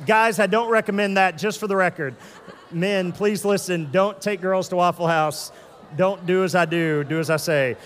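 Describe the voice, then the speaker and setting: A man in his thirties preaching a sermon in a casual, animated way, with joking asides to the congregation. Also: fairly high pitch, slight background noise. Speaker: pastor. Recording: long hall reverb.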